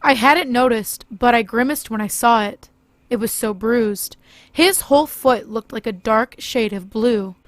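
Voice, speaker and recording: Casting: female horror narrator, fairly high voice, dry close sound. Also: a little slow, no echo.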